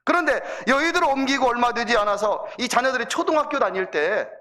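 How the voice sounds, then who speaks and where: A man's voice: extremely high pitch, lively intonation, a little fast, sharp tone. A male pastor preaching in a church, telling a story animatedly and addressing the congregation directly. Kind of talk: sermon storytelling.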